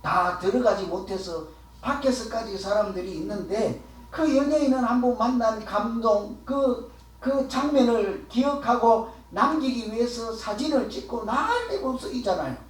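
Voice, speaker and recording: A man's voice: very high voice, lively intonation, normal speed. A man preaching a sermon as pastor, talking in a conversational way, asking the congregation questions and acting out quotes. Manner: acts out the quoted words of others. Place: church sanctuary. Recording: echoey hall, voice from far off.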